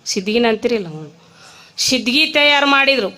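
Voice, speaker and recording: A woman's voice: on the high side, lively intonation, moderate pace, bright, forceful tone. A woman preacher with a North Karnataka accent, telling a comic story in a sermon and animating each character. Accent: North Karnataka Kannada.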